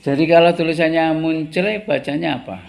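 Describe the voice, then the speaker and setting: A man teaches English to a class. He speaks at an ordinary middle pitch, explains slowly and repeats key words. He keeps turning to his students with questions. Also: fairly bright tone. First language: Indonesian.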